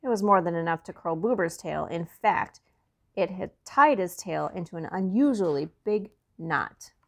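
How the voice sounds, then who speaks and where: A woman reading a children's storybook aloud to young listeners, chatty and expressive. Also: on the low side, normal speed.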